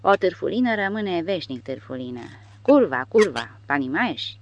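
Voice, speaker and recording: Rich: A cheeky soldier trades crude jokes with a calm, deadpan delivery, as a woman reads him. The voice sits low, and the recording sounds dull and lo-fi. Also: slight background noise. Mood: deadpan mocking.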